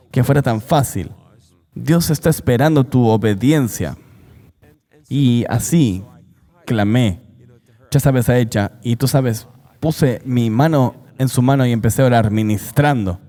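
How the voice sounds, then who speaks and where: An earnest man recounts a personal testimony with emphatic, storytelling delivery. His voice is warm and mellow at an average pitch. A long, hall-like reverb trails behind every phrase. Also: unhurried, long pauses. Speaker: guest giving a testimony. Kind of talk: dubbed interview testimony.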